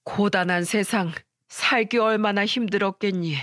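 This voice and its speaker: A woman's voice: medium pitch, steady tone, moderate pace, dry recording, clean studio sound, close to an everyday voice. A woman voicing a kind, comforting older father in a storytelling radio reading. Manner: gentle, consoling.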